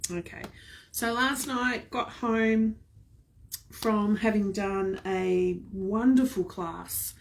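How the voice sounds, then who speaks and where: A woman talks her viewers through her skincare routine, gushing and fond. Her voice has a gravelly, creaky texture at an ordinary middle pitch. She is filmed from a camera set a little way off, with a faint noise underneath. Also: steady tone, takes it slowly. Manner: chatty, gushing, addresses viewers fondly. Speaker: skincare product seller. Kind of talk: live skincare demonstration. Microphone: camera set at a distance.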